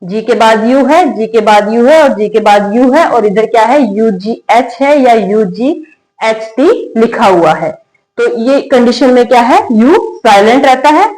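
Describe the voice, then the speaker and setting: A woman teacher walks through a spoken English lesson. Her voice sits a little high. She asks a question, answers it herself, and repeats each word patiently. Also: lively intonation, measured pace, darkish tone, low-quality recording. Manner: repetitive call-and-response drilling, asking and answering her own questions.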